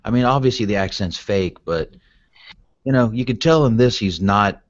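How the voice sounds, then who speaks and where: A man's voice: on the low side, moderate pace. A man co-hosting a casual wrestling chat podcast, laid-back and swearing freely. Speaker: podcast co-host. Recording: dull, dry lo-fi sound.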